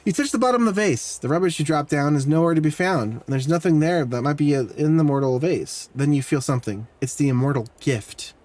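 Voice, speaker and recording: A man's voice: a little high, a little mellow. A male streamer playing a game live, reading dialogue aloud and adding sarcastic, swearing asides. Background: faint game music.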